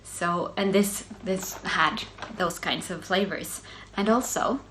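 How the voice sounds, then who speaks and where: A middle-aged Finland-Swedish woman, a native Swedish speaker, hosts a casual solo knitting video podcast, chatting away with lots of ums, small soft laughs, and frequent self-interruptions. Her voice is fairly low and her pace slow, with slight background noise.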